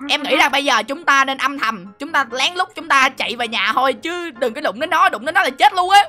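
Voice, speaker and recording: A woman's voice: high voice, animated, a little fast, bright, forceful tone, faint music behind. A young woman hosting a gaming video, dramatic and exclamatory, full of shrieks and teasing threats. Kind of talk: excited game commentary.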